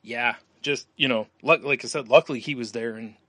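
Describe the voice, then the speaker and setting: A man co-hosting a podcast rambles through a story in casual conversation, full of fillers and frequent laughter. His mid-range voice is fairly quick, pushed and bright, with no echo.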